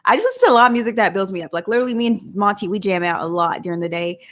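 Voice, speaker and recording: A woman's voice: medium pitch, lively intonation, racing. Chatty woman with a country drawl. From Southeast Oklahoma. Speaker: vlog host. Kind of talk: casual live chat.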